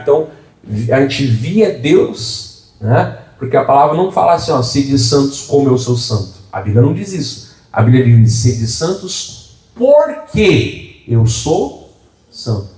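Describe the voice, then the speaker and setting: A man's voice: mid-range voice, a little mellow. A man preaching a sermon as pastor, chatty and full of "amém?" and "né?" asides. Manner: conversational preaching with frequent "amém?" and "né?" asides to the congregation. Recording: echoey room, voice from a distance.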